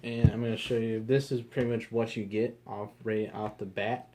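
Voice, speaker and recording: A man's voice: lowish voice, level tone, normal speed, darkish tone, a little hiss or hum. A man giving a casual, rambling product review, swearing now and then.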